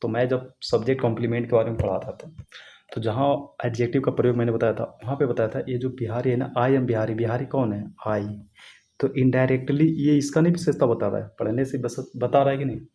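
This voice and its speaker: A man's voice: medium pitch, fairly even intonation, brisk, mellow. A man teaching English grammar in a casual classroom style, repeating points and checking that students follow. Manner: repetitive, asks students questions, writes on a board.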